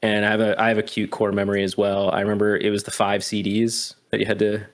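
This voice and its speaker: A man's voice: on the low side, monotone, fast talker, a little hiss or hum. A man hosting a gaming podcast, handing the turn to his co-hosts and sharing a memory in an easygoing way. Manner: easygoing, prompts others. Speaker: podcast host. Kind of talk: casual chat.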